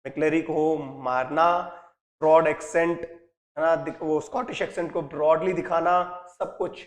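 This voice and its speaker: A man teacher explaining an English story lesson, reading lines aloud and acting out the characters' speech in an animated way. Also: on the high side, measured pace. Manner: switches between reading English text and explaining.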